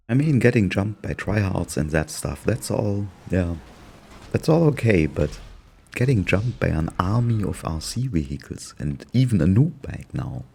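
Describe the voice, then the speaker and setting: A man's voice: low voice, vocal fry, a little mellow, husky. A man with a German accent narrating his gameplay in a dry, sarcastic, amused way. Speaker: gaming YouTuber narrating gameplay. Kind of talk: casual gameplay commentary.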